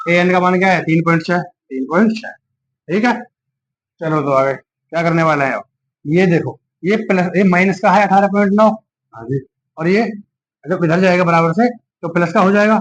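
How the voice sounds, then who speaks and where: A man's voice: a little high, a little hiss or hum. Patient man tutoring maths, lo-fi. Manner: patient, reassuring, talks through each step aloud. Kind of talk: step-by-step maths lesson. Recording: dull lo-fi sound.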